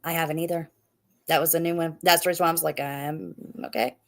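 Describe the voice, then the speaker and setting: A woman's voice: low voice, flat delivery, fast. A woman with a Midwestern accent co-hosting a podcast in casual chat. She reads from her notes and spells words out letter by letter. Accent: Midwestern American. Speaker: podcast co-host.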